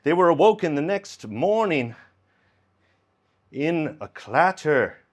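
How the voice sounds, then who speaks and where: Man narrating a puppet show, slow and playful. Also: a little high, sing-song. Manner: unhurried, with improvised asides. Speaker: narrator and performer. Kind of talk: live storytelling in a one-man puppet musical.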